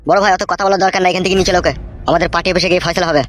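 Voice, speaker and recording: A performer voicing a rough young village henchman through a sped-up voice effect, bossing others around coarsely. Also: high-pitched, flat delivery, rapid-fire, fairly bright tone. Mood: gruff.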